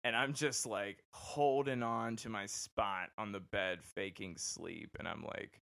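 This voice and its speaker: A young man casually telling a personal story on a podcast, animated and quick to act out the people he quotes. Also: creaky. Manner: animated, acts out quoted voices with big pitch jumps. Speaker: podcast host.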